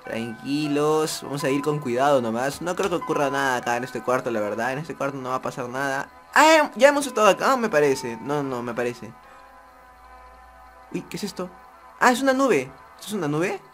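A young gaming YouTuber with a Peruvian Spanish accent plays a horror game, joking and jumpy as he narrates for viewers. His medium-pitched voice moves briskly, with faint music behind it.

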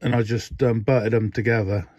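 An older man with a lowish, slightly mellow voice explains a radio mod hands-on at an indoor workbench, keeping fairly even intonation and a moderate pace. He rambles casually, with many fillers and restarts. The audio is dull, dry lo-fi phone sound with no echo.

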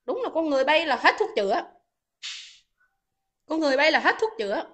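A woman's voice: high-pitched, sing-song, fairly quick, a bit bright. A woman on a phone livestream, scolding and taunting commenters in a heated argument. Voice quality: scolding, taunting, repeats questions. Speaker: livestream host.

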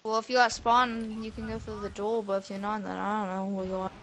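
A woman chatting casually during a co-op game, bossing her teammates around with quick orders. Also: medium pitch, flat delivery, slight background noise. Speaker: gamer. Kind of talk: casual co-op gaming chat.

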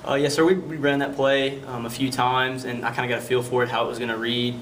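A young man, a college football player, answering politely with "yes, sir" and many pauses. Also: medium pitch, level tone, fairly bright tone, slight background noise. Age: young adult. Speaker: college running back. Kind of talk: postgame interview. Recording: distant mic.

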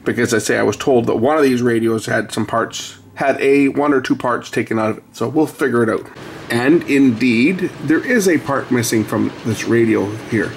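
A middle-aged repair video host with a creaky, medium-pitched voice chats casually at a moderate pace while working at an indoor bench, explaining each hands-on step. The room recording is noisy.

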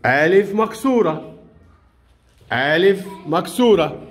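A man's voice: high-pitched, lively intonation, measured pace. A male primary school teacher with a lilt, running a classroom lesson and coaxing his pupils with frequent laughs. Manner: coaxing, encouraging, laughs often.

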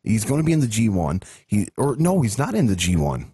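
A man's voice: fairly low pitch, very animated, fairly quick, warm tone, breathy edge, dry recording, clean studio sound. A man hosting a podcast, chatting casually and giving blunt, profane opinions. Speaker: podcast host. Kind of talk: casual chat.

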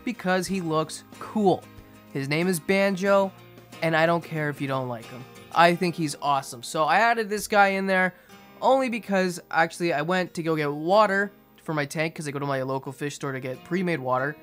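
Monotone young man, slightly high voice. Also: normal speed. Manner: monotone, restrained delivery. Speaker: fishkeeping video host. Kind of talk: casual aquarium update voice-over. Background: music behind the voice.

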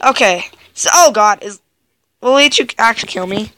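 A woman's voice: fairly high pitch, animated, moderate pace, sharp tone, no echo. A young woman doing gameplay commentary, jumpy and yelping with laughter when scared. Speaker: gaming video creator.

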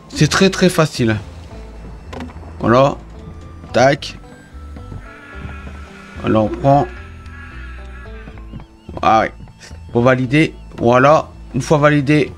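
A man giving casual gameplay commentary as a YouTuber, excitable, swinging between grumbling at the game and cheerful explaining to his viewers. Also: fairly high pitch. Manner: keeps addressing viewers as friends. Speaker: gaming YouTuber.

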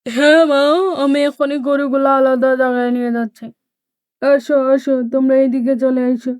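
A woman's voice: high voice, level tone, darkish tone, clear, resonant tone, no echo, clean studio sound, lightly acted. A woman voicing Mintu, an eager, obedient young son in a doll story. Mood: dutiful. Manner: obedient, quick replies.

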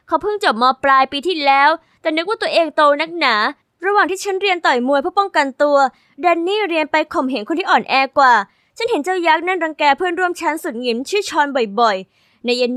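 A woman narrates a first-person diary story with lively, sassy delivery. Her voice sits high and sounds bright and forward. The recording is close and dry, with no room sound. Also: no echo.

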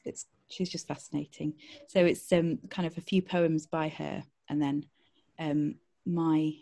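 A woman with a Northern English accent, a poet talking thoughtfully in an interview over a video call, pausing often with ums. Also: low voice, gravelly, mellow. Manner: thoughtful, hesitant with frequent ums. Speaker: poet and guest. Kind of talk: casual interview chat.

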